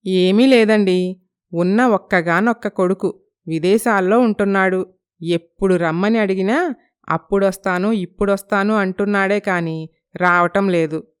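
A woman's voice: mid-range voice, a little slow, clean tone, close to an everyday voice. A woman playing a caring middle-aged mother. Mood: sad. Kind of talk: storybook narration.

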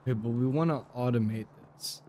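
A man's voice: medium pitch, fairly quick, dark tone, slight background noise. A young man hosting casual gameplay commentary, thinking aloud with fillers and repeats. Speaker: game channel host.

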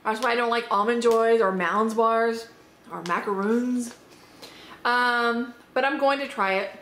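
Upbeat woman vlogger, a little hoarse, higher voice, chatty snack-tasting review in an echoey room with faint noise. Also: fairly even intonation, unhurried, fairly bright tone. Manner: chatty, upbeat, thinking aloud. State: slightly hoarse. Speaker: unboxing vlogger. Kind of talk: casual product tasting review. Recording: roomy echo, faint background noise.

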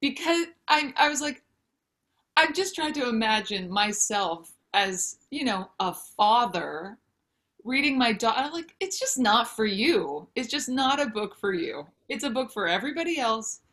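Speaking at an unhurried pace in a slightly high voice, this woman in her thirties, who writes songs, sings, and writes books, talks openly and with energy on a home video call. She uses her hands as she goes in this relaxed interview chat, set against a brick wall.

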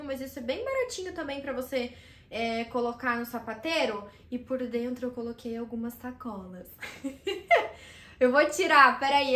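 A woman's voice: fairly high pitch, a bit bright. Chatty young woman in an echoey room. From Brazil. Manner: chatty and enthusiastic, full of fillers. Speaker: vlogger showing thrift finds. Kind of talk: casual haul vlog. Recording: roomy echo in a small room.

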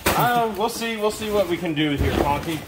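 A man's voice: high-pitched, lively intonation, normal speed, background noise. Eager man hunting through a storage unit. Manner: eager, joking, talks while working with his hands. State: sweating. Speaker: vlog host. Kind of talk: excited casual chat while unboxing. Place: large metal storage unit, indoors.

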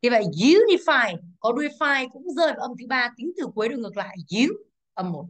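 A woman teacher with a fairly high voice walks a class through exam answers at a brisk clip. She stresses each English word and keeps checking that the students follow. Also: animated, fairly bright tone.

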